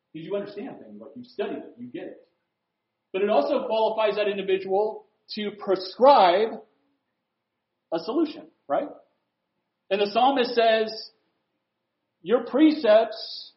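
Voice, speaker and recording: A man with a high, light voice preaching a sermon to a room. He keeps it conversational, tossing out rhetorical questions and dropping from firm emphasis to quiet asides. The sound is roomy and somewhat dull, like a lo-fi recording. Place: room with a board.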